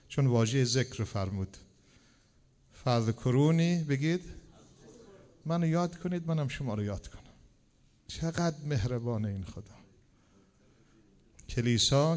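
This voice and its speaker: A man's voice: mid-range voice, darkish tone. A man preaching a religious sermon with rhythmic repetition that climbs to emphatic peaks. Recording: long hall reverb.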